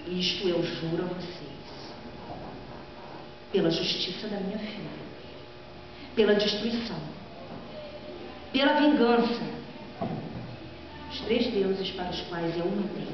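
A woman's voice: mid-range voice, natural voice. A woman plays a proud, vengeful queen of Greek tragedy. She declaims with theatrical emphasis, defiant and gloating. The sound is very reverberant and muffled, with a faint hum. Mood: vengeful, scornful. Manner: theatrical, declamatory, emphatic dramatic reading with drawn-out phrases. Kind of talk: dramatic stage reading of Greek tragedy. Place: large classroom or lecture room, indoors. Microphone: far camera microphone. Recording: echoey hall from afar, dull sound, mains hum.

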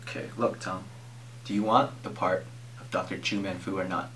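A young man acting in an amateur student skit as a brisk, dismissive casting director. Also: low voice, fairly even intonation, a bit bright. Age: young adult. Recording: distant, faint noise.

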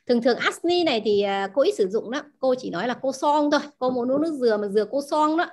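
A woman's voice: high voice, animated, fast talker. A woman teaching a language class, explaining words and asking her students questions often. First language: Vietnamese. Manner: asks the class questions, repeats key words.

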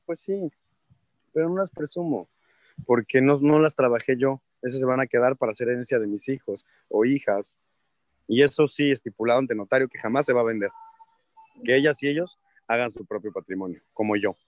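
A man's voice: mid-range voice, no echo, studio quality. A man with a Mexican accent, a politician giving an interview, telling stories in blunt slang, laughing often and acting out other people's voices. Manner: lively storyteller who acts out other people's voices. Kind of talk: casual interview chat.

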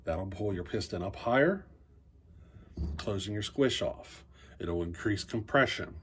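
In a basement workshop, a man in his forties teaches chainsaw work, speaking easily to a close phone camera and thinking aloud with fillers and restarts. His voice is fairly low and husky, the tone of a casual workshop how-to.

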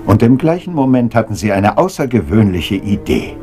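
Hercule Poirot, theatrical and animated, over music. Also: male voice, fairly low pitch, normal speed. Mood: triumphant, deliberate. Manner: pedantic, dramatic, drops in French phrases. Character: fussy, theatrical Belgian detective, methodical and self-assured. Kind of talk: German radio crime drama acting.

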